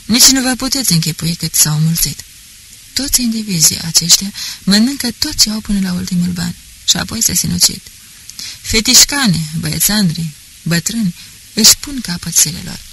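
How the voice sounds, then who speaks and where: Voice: mid-range voice, sharp tone, slight background noise, rough recording. An audiobook reader voicing a boastful, talkative middle-aged police officer who rambles pompously. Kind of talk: audiobook character reading.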